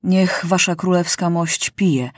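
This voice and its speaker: A calm, one-eyed pilot who lost his legs, telling grim jokes in an even, deadpan way, as read by a woman. The voice sits low and close. It is a storybook reading in a dry room. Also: takes it slowly, no echo. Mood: wry. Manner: deadpan gallows humor. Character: legless one-eyed male pilot, calm, dryly joking.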